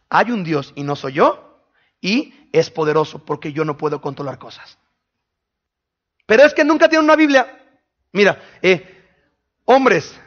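A man preaching a sermon in a conversational way, firing quick questions at his listeners. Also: sits high, fairly bright tone, muffled recording. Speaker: pastor. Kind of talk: sermon teaching.

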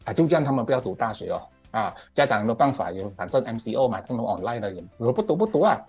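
A middle-aged man with a Malaysian Mandarin accent rants emphatically on current affairs in an opinionated monologue, drawing out "ah" particles and slipping in English words. His mid-range voice is sing-song and rapid-fire, darkish and slightly rough, set against soft background music.

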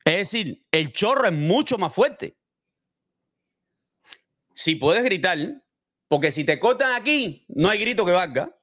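A man's voice: sits high, measured pace, pauses often. Guy doing true crime commentary, voice jumps all over, keeps asking rhetorical questions. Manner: animated, explaining with gestures. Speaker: host commenting on a criminal case.

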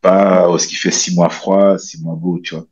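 Speaking at a moderate pace, a low, somewhat husky-voiced man in his thirties from French Guiana wanders through a laid-back interview chat, restarting often and filling pauses. He's a bodybuilder and coach appearing as a guest via headset on a video call from a small room in his home. Audio from the call comes across a bit dull.

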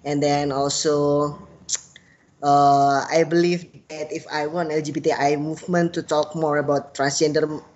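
Young Indonesian-accented man, halting speech. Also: a little high, level tone, a little mellow, lo-fi sound, a little hiss or hum. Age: young adult. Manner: halting, many filler sounds. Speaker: activist. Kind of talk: personal testimony to camera. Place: outdoors in front of a tiled roof. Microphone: webcam-style close framing.

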